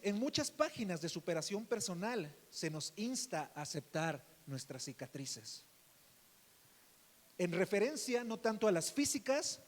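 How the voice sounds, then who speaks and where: A man pastor with a Mexican Spanish accent preaching a sermon, calling listeners beloved brother and asking "right?" often, swinging between loud emphasis and soft asides. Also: high voice, big-room sound. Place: church.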